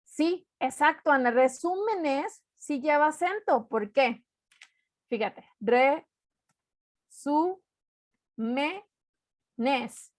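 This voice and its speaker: A woman's voice: high-pitched, dry recording. A young woman from Mexico teaching an online class, patiently explaining rules step by step and repeating them.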